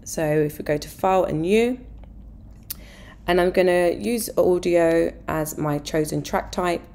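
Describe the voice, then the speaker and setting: A woman with a hoarse voice, walking through a music software tutorial step by step, with fillers and easy asides. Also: low-pitched, slight background noise. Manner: relaxed step-by-step explaining with fillers.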